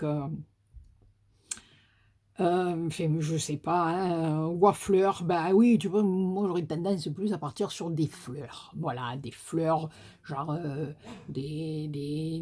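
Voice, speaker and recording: A woman's voice: on the low side, dark tone, breathy edge. A woman with a Marseille accent chatting casually as she opens a parcel on her vlog, gushing and swearing with delight. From Marseille, France. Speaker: crafting YouTuber.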